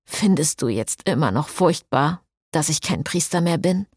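Audiobook cast note: calm earnest ex-priest man, read by a woman, low-key, lively pitch. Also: moderate pace, breathy edge, no room sound, studio quality, heavily acted.

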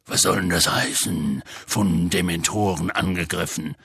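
A big rough half-giant, super raspy, slow drawl, dry close audiobook sound. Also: male voice, wildly swooping pitch, pushed and bright, no echo, full character voice. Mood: alarmed. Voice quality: deep gravelly rasp. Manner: rough folksy speech, drawled. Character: huge gruff male half-giant gamekeeper. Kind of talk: audiobook character voice.

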